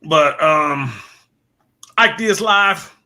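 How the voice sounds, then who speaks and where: A man speaking very slowly, his voice fairly high and sharp, hosts a casual late-night livestream. He rambles and repeats words while thanking viewers by name, his voice going worn and faint as he loses it.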